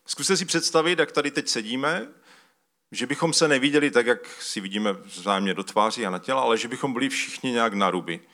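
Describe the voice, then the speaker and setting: A man's voice: medium pitch, pushed and bright. A man preaching a casual, conversational sermon, stopping to ask for slides and reading a scripture passage aloud. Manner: conversational, calls for slides mid-talk; uses loose spoken fillers and restarts.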